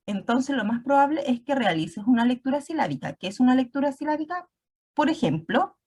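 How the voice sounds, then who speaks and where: A woman's voice: fairly high pitch, breathy edge. A woman teacher giving an online class, explaining step by step and often checking in with her students.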